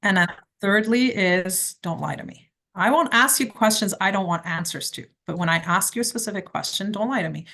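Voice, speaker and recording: A middle-aged criminal defence lawyer from Quebec, Canada, gives direct, emphatic advice while answering interview questions conversationally. Her medium-pitched voice is bright and forceful, and she speaks briskly with few pauses.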